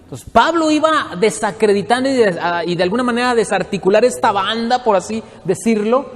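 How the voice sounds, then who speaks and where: A man's voice: high-pitched, expressive, fairly quick, big-room sound. A man from Mexico, teaching a Bible study to his congregation in a conversational way and often asking them questions.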